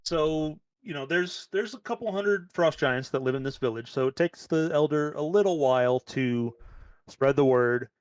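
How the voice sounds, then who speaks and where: A man's voice: a little high, normal speed, dry recording. A man narrating as game master in a loose, casual way with lots of fillers.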